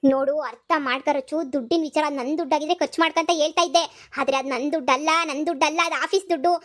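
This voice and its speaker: A woman's voice: high-pitched, no room sound, clean studio sound, lightly acted. Woman doing a stern young delivery-guy husband. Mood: pleading. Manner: scolding, lecturing, fast and insistent. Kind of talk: cartoon comedy voice acting.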